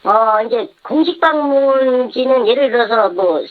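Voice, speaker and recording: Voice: mid-range voice, a little slow. Electronically disguised voice on a dull line. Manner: candid, matter-of-fact, short replies. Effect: voice disguised by electronic modulation for anonymity. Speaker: former travel agency head, phone-in informant. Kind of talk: news radio interview by phone.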